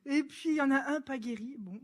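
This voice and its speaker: A woman with a bright, high voice tells a personal faith story to a congregation. She is chatty and informal, with plenty of fillers. She brings the story to life by acting out the dialogue. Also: fairly quick. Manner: lively storyteller who acts out dialogue and laughs. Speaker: church speaker giving a testimony. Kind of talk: sermon testimony, storytelling.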